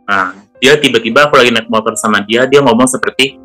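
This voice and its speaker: A man's voice: mid-range voice, fast, sharp tone, faint music behind. A man giving a casual spoken testimony, chatty, with frequent retelling of what he said and heard. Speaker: testimony speaker.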